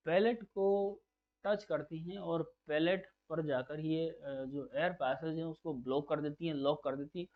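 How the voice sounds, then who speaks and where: A man with a slightly high voice gives a lecture on phonetics for exam preparation. He explains step by step and drills each key term by asking it back and answering it. The recording is muffled and lo-fi. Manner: patient, repeats key terms as questions to drill them. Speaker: phonetics teacher. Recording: dull lo-fi recording.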